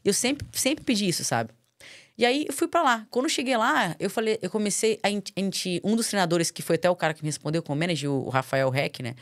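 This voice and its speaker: A woman's voice: medium pitch, lively intonation, brisk, dry recording, clean studio sound. A young Brazilian woman from Espírito Santo, a guest on a podcast, telling her story earnestly and animatedly, with frequent tag questions. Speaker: podcast guest, MMA fighter. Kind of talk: casual storytelling interview.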